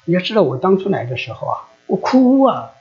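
A man's voice: a little high, lively intonation, very fast, soft background music. A middle-aged man preaching a sermon, earnestly repeating his appeal to the listeners and then leading a prayer. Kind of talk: sermon with altar call and prayer. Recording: dull lo-fi recording.

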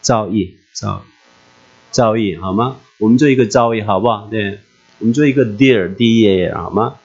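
A man voicing God as a gentle, fatherly figure who coaxes and repeats himself patiently, recorded dull and lo-fi with a mains hum. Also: fairly low pitch, normal speed. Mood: coaxing. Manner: coaxing, repeating itself patiently.

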